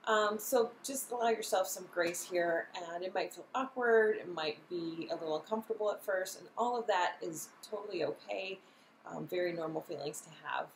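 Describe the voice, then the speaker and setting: A woman school social worker giving a gentle, explanatory wellness lesson to students, with many ums. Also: on the low side, moderate pace, roomy sound, slight background noise, poor audio.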